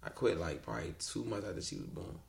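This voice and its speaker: Animated bro-talking man, gravelly edge. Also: low-pitched, fast. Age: about 30. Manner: bro-like, slangy talk peppered with "bro" and "bruh"; profane, blunt. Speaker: podcast guest. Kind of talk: casual, slangy chat.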